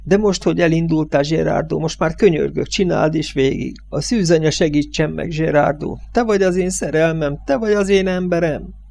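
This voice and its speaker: A man's voice: a little high, creaky, a little mellow, pitched above the performer's own voice. Guy putting on a desperate young woman, begging her man, voice pushed way up, audiobook. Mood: pleading. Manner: imploring, urgent.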